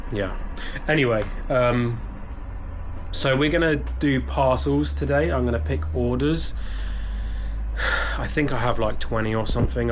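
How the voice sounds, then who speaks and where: This lowish-voiced British man vlogs casually about his eBay reselling from a small home office. He sounds a bit bunged up and stuffy and keeps rambling, with many ums and restarts. Slight noise can be heard in the background.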